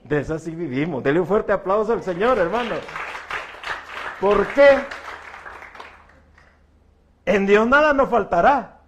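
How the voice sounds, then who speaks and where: A middle-aged pastor with a notably high voice. He preaches a church sermon in a folksy, joking way, keeping close to the congregation by calling each listener brother. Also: lively intonation, a little slow, long pauses, muffled recording, a faint crowd, slight background noise.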